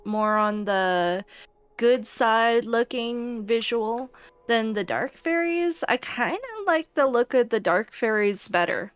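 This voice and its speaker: A woman's voice: on the high side, expressive, slow, clean tone. A woman giving casual commentary as she streams a video game. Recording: game music behind the voice.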